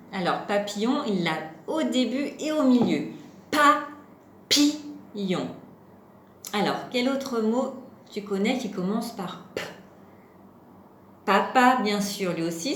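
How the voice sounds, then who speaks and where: Young woman, preschool teacher, slow and patient sing-song delivery, echoey room with faint hum. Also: medium pitch. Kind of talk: home-schooling lesson for young children. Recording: roomy echo with faint background hum.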